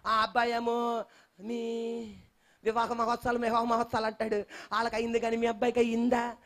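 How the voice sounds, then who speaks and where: A man's voice: extremely high pitch, monotone, a little fast, fairly bright tone. A male pastor delivering a sermon to a congregation, with fervent, repetitive call-and-response preaching. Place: church.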